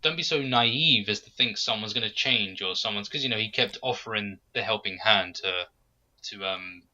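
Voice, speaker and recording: Man, podcast host, casual chat, very bright tense voice, dull lo-fi sound. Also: normal speed. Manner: animated, critical, acts out quotes in high voice.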